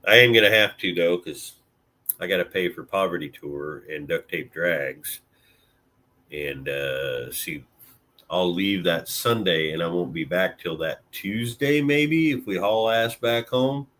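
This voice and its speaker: This Illinois man talks to his live audience in a loose, meandering style, peppering his speech with filler words and light cursing. His voice sits low and has a sharp tone. It's casual live-stream chat from someone based in Illinois, USA.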